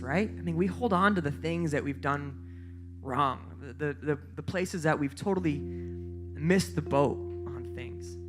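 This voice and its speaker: Animated young pastor preaching over guitar. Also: male voice, fairly high pitch. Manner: lively storytelling, voice jumps up for quoted lines. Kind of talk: sermon.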